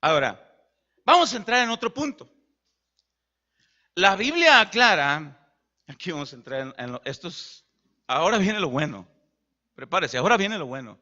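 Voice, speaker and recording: Pastor preaching, lively swooping voice, really bright, dull lo-fi recording. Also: male voice, sits high, moderate pace, long pauses. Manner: animated, acts out dialogue. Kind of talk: sermon.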